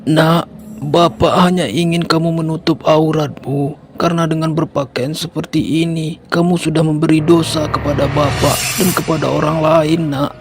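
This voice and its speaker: A worried, devout father pleads gently with his troubled daughter in a horror cartoon, as a man voices him. His voice sits a little high with a gravelly texture, over background music. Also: little pitch movement, moderate pace, close to an everyday voice. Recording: music playing underneath.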